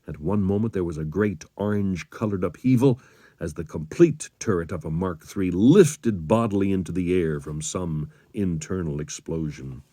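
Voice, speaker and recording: A man reading a wartime memoir aloud as an audiobook, with measured, dramatic storytelling. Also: low-pitched, expressive, warm tone, no room sound, studio quality. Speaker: audiobook reader.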